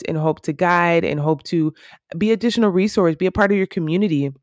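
A woman's voice: deep voice, darkish tone, no room sound. Earnest woman in her thirties, dry sound. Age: 30s. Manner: earnest, rambling, with many fillers. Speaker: podcast host. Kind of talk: reflective solo podcast monologue.

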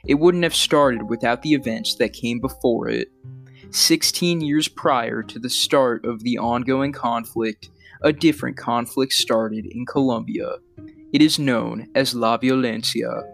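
A man hosting a history podcast, reading a scripted narration in a measured, earnest way. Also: mid-range voice, fairly even intonation, gravelly, a bit bright, faint music behind. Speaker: podcast host.

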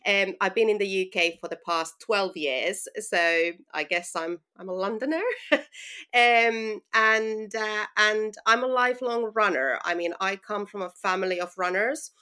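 A woman's voice: mid-range voice, a little slow, sharp tone, smooth. A woman in her thirties from Finland with a Finnish accent, chatting as a podcast guest with frequent "um" and "you know". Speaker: guest, running brand founder. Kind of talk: casual interview conversation.

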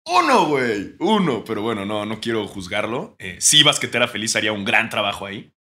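A young man with a Mexican accent chats casually as a podcast co-host. His voice is bright and sits fairly low, and he jokes a lot, sometimes breaking into loud mock outrage. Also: steady tone, fast. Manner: joking, bursts into mock shouting. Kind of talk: casual chat.

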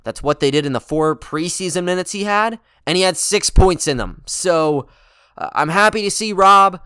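A man's voice: high voice, moderate pace, bright, forceful tone, clean tone, no echo, clean studio sound. A man hosting a sports podcast, giving casual, conversational basketball commentary. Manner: conversational, informal.

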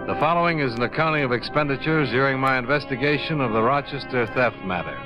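A man playing a businesslike freelance insurance investigator, measured and dry, in 1950s radio drama style. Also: medium pitch, over loud music, lightly acted. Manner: measured, dry, matter-of-fact. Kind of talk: 1950s radio drama first-person narration. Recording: dull vintage radio recording.

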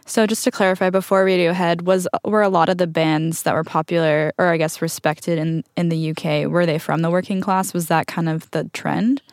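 Low, gravelly woman host, dry sound. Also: little pitch movement, a little fast, few pauses, no echo. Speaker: host, narrator. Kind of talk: scripted narration and interviewing.

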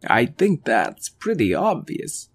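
A storyteller doing a shy, slow snow alien. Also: medium pitch, huge pitch swings, husky, heavily acted. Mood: downbeat.

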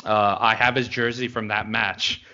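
A man from Los Angeles hosting a casual podcast, talking in a relaxed way with lots of fillers. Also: fairly low pitch, moderate pace, smooth, lo-fi sound. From Los Angeles, United States. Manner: relaxed, filler-heavy, friendly. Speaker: podcast host.

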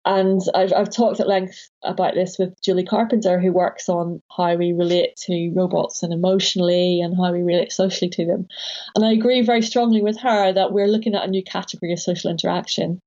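A woman guest speaks in a mellow, soft-edged voice, weighing each point with earnest care and frequent restarts. The sound is slightly dull and lo-fi. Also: lowish voice, fairly even intonation, a little fast. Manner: thoughtful, earnest, self-correcting. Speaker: guest author. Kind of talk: podcast conversation.

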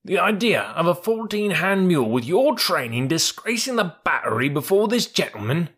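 A man voicing a gruff, bossy old male army mule in a storybook, scolding in a brisk way. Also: high-pitched, sing-song, fairly bright tone, pitched above the performer's own voice, full character voice.

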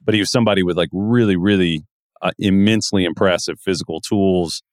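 A man's voice: sits low, steady tone, fairly quick, dry recording, studio quality. A man co-hosting a basketball podcast, talking things through in a thoughtful, hedging way with many fillers. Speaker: podcast co-host, draft analyst. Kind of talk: casual basketball chat.

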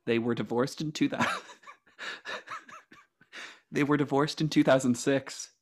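A man's voice: medium pitch, fairly even intonation, takes it slowly. A man co-hosting a podcast, joking in a mock-formal, self-mocking way and laughing often. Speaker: podcast co-host. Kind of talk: casual comedic chat.

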